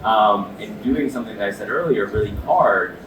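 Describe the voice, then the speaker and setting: A man's voice: fairly low pitch, normal speed. Earnest guy doing an expert demo talk, kinda far from the mic, noisy behind him. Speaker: ice bath expert and product demonstrator with sports medicine background. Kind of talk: explanatory product demo talk. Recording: echoey, distant mic, noisy background.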